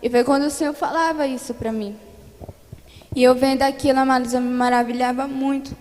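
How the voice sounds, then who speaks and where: A young woman with a Brazilian Portuguese accent, giving an earnest, fervent religious testimony in a church and retelling it in repeated phrases. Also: sits high. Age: young adult. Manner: earnest, repetitive storytelling that grows louder and more fervent. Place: church hall. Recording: echoey church hall.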